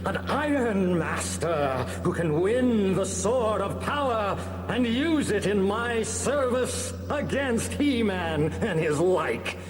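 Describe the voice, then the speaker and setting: High-pitched echoing villain Skeletor. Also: male voice, animated, takes it slowly, few pauses. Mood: triumphant. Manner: grandiose, declamatory. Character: raging skeletal sorcerer warlord, grandiose and menacing villain. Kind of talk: dramatised children's fantasy storybook reading. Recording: long cavernous echoing reverb.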